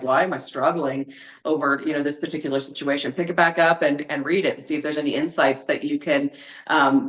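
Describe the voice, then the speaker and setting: A woman's voice: low-pitched, roomy sound. A woman speaking as a guest expert and author in a casual podcast conversation, explaining things in a chatty way with lots of fillers and everyday examples.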